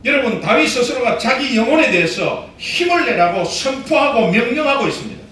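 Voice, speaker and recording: High, lively-voiced male pastor preaching. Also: fairly quick. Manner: animated preaching, acts out self-talk, calls out to the congregation. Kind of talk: sermon. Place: church sanctuary. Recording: echoey church hall, mic at a distance.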